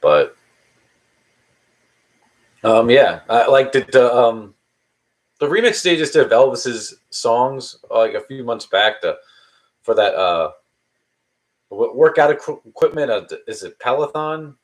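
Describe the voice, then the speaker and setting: A man around his early thirties, with a medium-pitched voice and lively intonation, talks unhurriedly and pauses often. During a casual live stream he responds to viewers' questions, rambling, hesitating, and restarting again and again.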